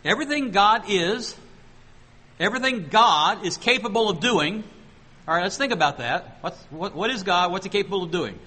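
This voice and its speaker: A man preaching a sermon, asking the congregation questions and slowing down to read scripture aloud. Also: high voice, lively intonation, sharp tone, breathy edge. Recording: long hall reverb.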